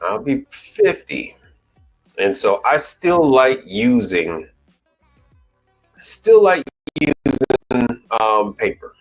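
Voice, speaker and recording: An American man in his forties, a commercial appliance repair technician and channel host, chats casually on a live stream, rambling, lightly swearing, and restarting his sentences. His mid-range voice swoops wildly in pitch, and he talks very slowly with frequent pauses. The sound is dull and lo-fi, with faint music behind him.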